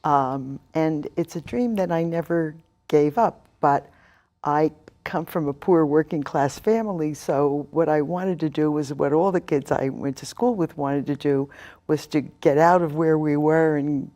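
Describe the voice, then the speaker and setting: Low-voiced older woman from New York. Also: a little slow, dark tone. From New York City. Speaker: novelist guest. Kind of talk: interview answers.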